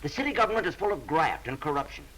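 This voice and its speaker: An actor playing a persuasive reform politician in a hurry, in a 1930s comedy film. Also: male voice, a little high, sing-song, a bit bright, a little hiss or hum, rough recording. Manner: persuasive, hurried. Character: smooth-talking, persuasive reform party politician.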